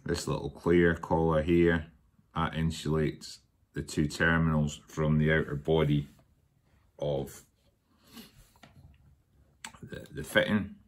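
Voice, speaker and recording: A hobbyist presenter gives an informal, hands-on workshop how-to, unhurried and hesitant as he thinks aloud while working. His voice is very deep with little pitch movement, and noticeable background noise comes through as he works.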